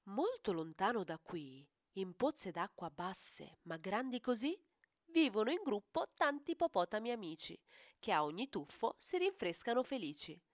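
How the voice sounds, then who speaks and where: A woman reads a rhyming storybook for children aloud. Her pitch swings widely as she rolls through the rhymes in a lively, sing-song manner. The recording is close and dry. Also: moderate pace, no room sound.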